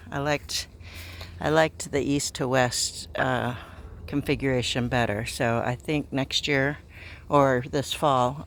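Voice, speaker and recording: A man narrating a casual vlog outdoors in a garden, thinking aloud in a halting way. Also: medium pitch, vocal fry, fairly bright tone. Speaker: gardening vlogger. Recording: outdoor ambient noise.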